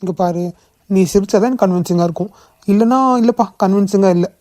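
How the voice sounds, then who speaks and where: A kind young male boss speaks in a gentle, coaxing way, as a woman acts him out. The voice is mellow and dark, at a middling pitch, and the cartoon recording is dry and close. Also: fast talker, no echo, close to an everyday voice. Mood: reassuring. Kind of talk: cartoon voice acting.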